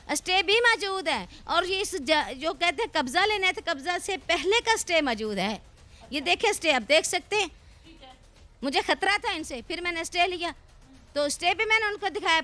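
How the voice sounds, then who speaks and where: A woman's voice: high-pitched, sharp tone. A middle-aged woman who runs a religious school, explaining her grievances at length in a news interview. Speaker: madrasa head.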